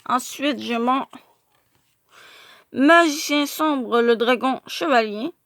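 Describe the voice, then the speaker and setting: Woman, card showcase vlog, slow and halting, dry close sound. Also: high-pitched, a bit bright, dry recording. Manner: hesitant, frequent filler sounds, stumbles over English names. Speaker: card collector vlogger.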